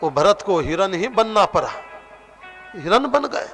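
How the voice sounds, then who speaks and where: A man from eastern India delivers a devotional sermon at a gathering. His voice sits high for a man. Faint music plays softly under the live broadcast. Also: sing-song, measured pace. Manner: acts out quoted voices in his storytelling, with sung phrases. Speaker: katha preacher. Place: outdoor religious gathering with sound system.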